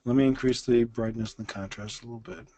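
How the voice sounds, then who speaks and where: A man's voice: mid-range voice, steady tone, quick pace, warm tone, slight background noise. A man in his sixties giving a lecture that walks listeners through a dental case. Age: 60s. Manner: explanatory, walks through images step by step.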